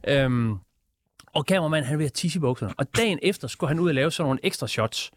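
A man's voice: a little high, expressive, no room sound, clean studio sound. A man, a radio show guest, telling long rambling anecdotes in casual comedic chat, with many fillers.

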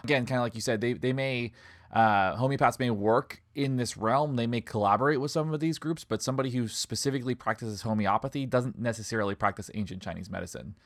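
A man's voice: medium pitch, fast, no room sound. Regular guy on a podcast, chatty and agreeable, lots of ums, dry mic. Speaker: podcast co-host. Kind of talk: casual podcast chat.

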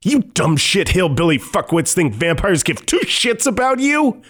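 A man putting on a furious passenger in an audiobook thriller, his voice jumping high as he hurls abuse. He rants without restraint, pitched well above the narrator's own low tone. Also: big pitch swings, measured pace, breathy edge, full character voice. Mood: enraged. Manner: shouting abuse through gritted teeth. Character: angry male passenger, foul-mouthed ranter.

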